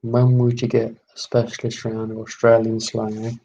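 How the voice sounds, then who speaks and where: A man hosting a live online quiz, reading out each question slowly and repeating every term. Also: mid-range voice, monotone, warm tone, rough recording. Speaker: quiz host.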